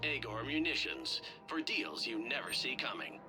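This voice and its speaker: A woman playing a shop announcer in a video game, delivering sales pitches as a loudspeaker announcement with smooth, scripted advertising patter. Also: normal speed. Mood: promotional. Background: loud game music.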